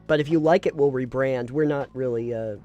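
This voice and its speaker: A man's voice: mid-range voice, brisk, warm tone, muffled recording, soft background music. A man co-hosting a casual podcast chat, playful and rambling, often laughing and filling gaps with "uh". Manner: playful, giggly, rambling with many fillers. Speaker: podcast co-host.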